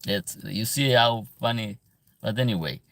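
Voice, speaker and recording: A man with an Albanian accent and a very low, deep voice hosts a casual livestream. He reads his viewers' comments aloud and answers each one in turn in an easy, conversational way. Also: a little slow, gravelly, fairly bright tone, no room sound. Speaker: livestream host, veterinarian.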